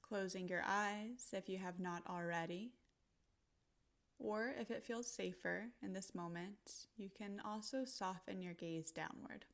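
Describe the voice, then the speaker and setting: Her medium-pitched voice leads a guided visualization in a soothing, gentle way, with short phrases separated by deliberate pauses.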